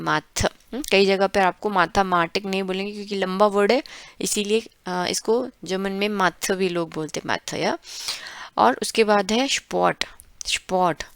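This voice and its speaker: A woman from India teaching an online German lesson, breaking words into syllables and repeating them slowly. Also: medium pitch, smooth, dry recording. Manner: slow, syllable-by-syllable pronunciation drills.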